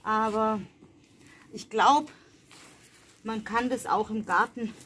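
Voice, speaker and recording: A woman's voice: a little high, a little hiss or hum. A woman vlogging casually to her viewers while planting in a garden at night, talking to them directly. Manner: chatty, addresses viewers directly. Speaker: vlogger, mother. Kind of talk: casual family vlog.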